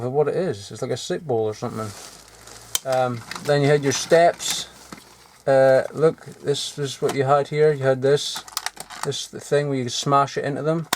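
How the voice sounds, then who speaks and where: Against slight background noise, a man with a mid-range, darkish voice rambles through a show-and-tell of old toys found in his cluttered loft. The vlogger swears a lot, digresses and leans heavily on filler words.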